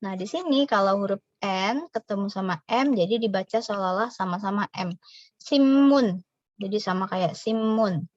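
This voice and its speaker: A woman teaching a recorded language lesson, slowly and patiently explaining pronunciation and repeating example words. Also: mid-range voice, no echo. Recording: dry, slightly dull voice recording.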